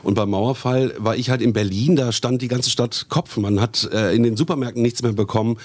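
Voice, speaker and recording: A man in his fifties, a radio host, telling stories in a relaxed way with many fillers. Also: medium pitch, fairly quick, breathy edge, no room sound. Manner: relaxed storytelling with frequent fillers. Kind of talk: casual radio chat.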